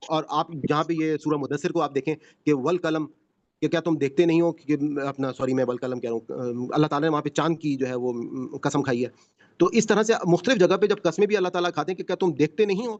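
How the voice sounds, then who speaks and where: A man teaching a Quran class over a video call, explaining patiently. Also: a little high. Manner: patient explaining, frequent "basically" and "yani ke". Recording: muffled video call audio.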